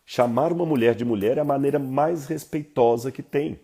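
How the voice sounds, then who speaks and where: A Brazilian man explains expressions to his viewers in a lively teaching talk. His voice is husky and mellow, and he keeps checking in with rhetorical questions. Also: mid-range voice, moderate pace. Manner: animated, asks listeners rhetorical questions. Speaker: Bible teacher.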